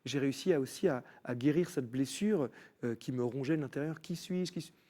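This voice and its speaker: The French musician speaks a little fast, his pitch medium, while giving his faith testimony as a studio guest. He brings the story to life by acting out the voices he quotes.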